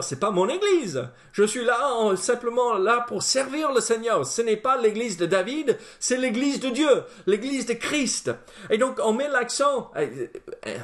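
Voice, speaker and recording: A man preaching a sermon as pastor, speaking with frequent hesitations, fillers and restarts. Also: high-pitched. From not France. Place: church.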